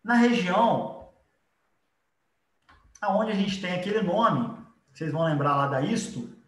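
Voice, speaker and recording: High-voiced Brazilian man teaching, echoey room. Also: lively intonation, measured pace, far from the mic. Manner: conversational, explanatory, frequent tag questions. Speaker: biology teacher. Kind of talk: informal live lecture with drawing.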